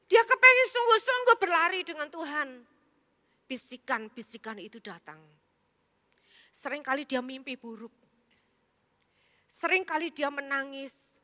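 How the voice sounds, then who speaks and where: High bright-voiced woman pastor preaching. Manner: emphatic preaching, shifting between hushed and loud. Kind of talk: sermon. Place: large church hall. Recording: echoey church hall.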